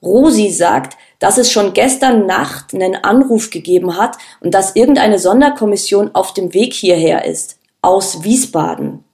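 A woman voicing a stout male police instructor who speaks slowly and emphatically, raising her voice for him. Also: high-pitched, a little mellow. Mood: self-important.

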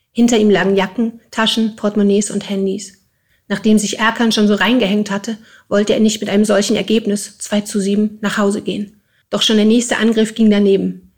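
A woman's voice: medium pitch, a little mellow. Woman reading a novel aloud. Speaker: narrator. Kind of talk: audiobook reading.

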